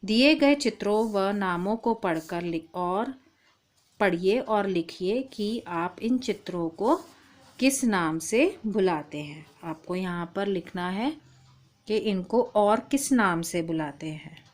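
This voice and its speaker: A woman's voice: mid-range voice, animated, slow pace. A woman teaching a primary-school language lesson, patiently calling the child "beta". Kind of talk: slow, deliberate primary-school Hindi lesson.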